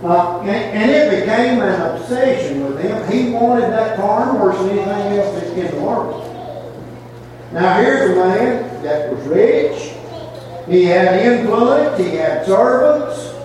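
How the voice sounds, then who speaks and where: Folksy church preacher guy, highish voice, storytelling sermon, super echoey room, bit of background hiss. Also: lively intonation, takes it slowly. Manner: folksy, repeats phrases for emphasis. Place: large reverberant church room. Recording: echoey hall, distant mic, faint noise.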